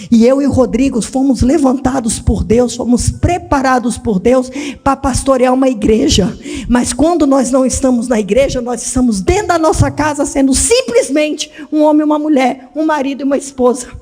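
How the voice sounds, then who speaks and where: A woman pastor preaching a dramatic sermon in a church, swinging from shouts to hushed tones. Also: sits high, moderate pace, husky, big-room sound. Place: church hall.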